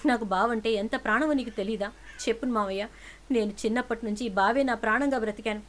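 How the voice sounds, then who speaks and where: A heartsick young woman fighting an arranged match, her voice pitched somewhat high and strained with pleading and defiance. A woman narrator puts her on in a serial recap. She swings between begging and loud refusal. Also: fast talker, close to an everyday voice. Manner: pleading, then defiant and shouting. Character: young woman desperate to marry her cousin.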